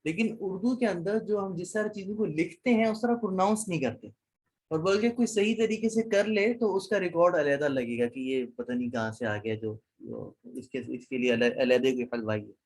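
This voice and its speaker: A man's voice: a little high, darkish tone, breathy edge. A man lecturing a class, quizzing students and mixing in English words. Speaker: Arabic teacher.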